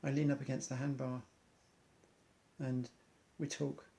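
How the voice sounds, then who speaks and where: A man's voice: mid-range voice, flat delivery, measured pace, vocal fry, warm tone. A man, an amateur athlete, earnestly reciting an inspirational monologue in loose rhymes.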